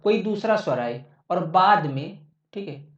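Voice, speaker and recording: A man's voice: high-pitched, animated, unhurried. A male teacher giving an online exam-prep lecture, repeating each point and answering his own questions. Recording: roomy, distant, dull lo-fi sound.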